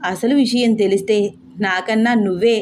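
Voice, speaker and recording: A woman's voice: fairly high pitch, fairly even intonation, normal speed, a little hiss or hum, lightly acted. Woman voicing a bossy scolding old grandmother. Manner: sharp, commanding, scolding.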